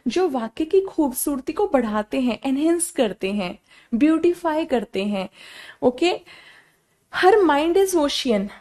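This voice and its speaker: A woman's voice: high voice, darkish tone. A young woman teaching an online exam-prep class, explaining patiently and mixing Hindi with English while quizzing her students.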